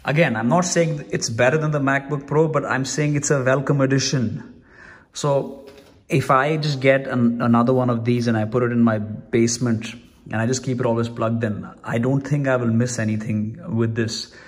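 A man's voice: medium pitch, fairly even intonation, normal speed. A man giving a casual, rambling product review at home, chatty and full of restarts. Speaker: tech reviewer. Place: room at home.

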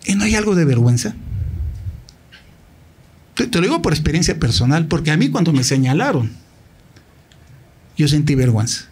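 A man's voice: a little high, slightly rough. A middle-aged man with a Mexican accent speaking at a university talk, telling his own story candidly and directly and acting out past conversations. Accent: Mexican Spanish. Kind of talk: personal storytelling in a public talk.

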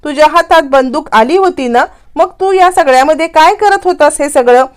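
A woman's voice: high voice, moderate pace, pitched above the performer's own voice, natural voice. A woman voicing an irritated young wife who chides her husband. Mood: chiding. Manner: chiding.

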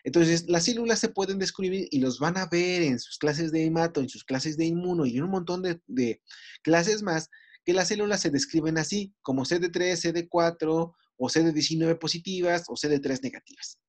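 A man's voice: on the high side, moderate pace. A Mexican man teaching medical students, explaining in a conversational way with homely examples and frequent tag questions. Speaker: university lecturer. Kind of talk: online lecture to medical students.

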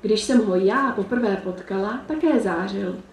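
A woman voicing a calm, confiding old fairy grandmother. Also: medium pitch, echoey room, a little hiss or hum, natural voice, rough recording.

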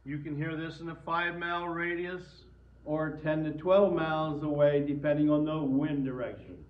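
A man's voice: a little high, level tone, normal speed, muffled recording. An older man, speaking informally to an audience as the whistle player, plain and folksy with restarts, in an indoor room.

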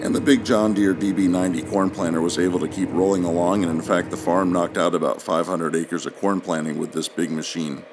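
A man giving steady, explanatory scripted voice-over narration. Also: sits low, fairly quick, hardly any pauses, noisy background. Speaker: channel narrator.

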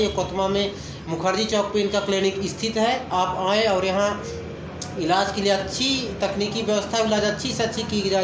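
A man in his thirties talks into a phone held at arm's length, hosting a chatty vlog. His voice sits high for a man. The small room echoes, and clear background noise runs under him. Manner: chatty, repeats "जी" to agree. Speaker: vlogger. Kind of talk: casual selfie vlog and interview. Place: small dental clinic office, indoors.

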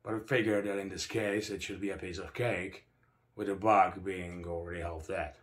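Low-voiced man reading gritty action story. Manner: gritty, expressive storytelling with swearing. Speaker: narrator. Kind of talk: first-person story reading.

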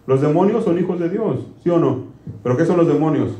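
A pastor delivers a chatty, folksy sermon and keeps quizzing his listeners. His voice sits a little high yet sounds mellow and warm. The room around him is echoey. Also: animated, brisk. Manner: folksy, quizzes the congregation with questions. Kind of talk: conversational sermon.

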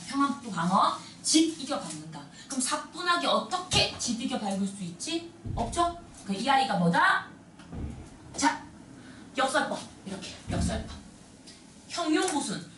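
A high-pitched woman teacher lectures her students in a very animated, swooping voice. She is picked up from a distance in an echoey classroom, with a faint hum of ambient noise under her. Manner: animated, addresses students directly. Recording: echoey room, mic at a distance.

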